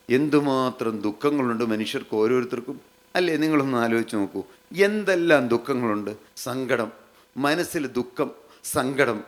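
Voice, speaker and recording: A man delivers a sermon in a mid-pitched voice, pressing the same phrases again and again. He drags out the key words for weight and keeps turning to his listeners with direct questions. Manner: repetitive, emphatic phrasing with slowed, drawn-out lines. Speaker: preacher.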